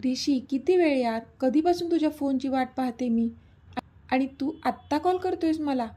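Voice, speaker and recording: A woman voicing an excitable, fretful young woman in a read-aloud story, quick and exclaiming. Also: sits high, natural voice. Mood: shocked. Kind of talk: storybook reading.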